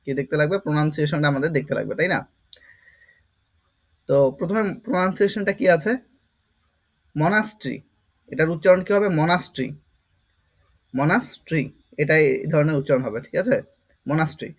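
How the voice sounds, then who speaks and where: Guy teaching vocab class, fairly high voice, keeps repeating stuff and asking questions. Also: animated, rapid-fire. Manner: explains step by step, repeats words and asks rhetorical questions. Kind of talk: vocabulary lesson.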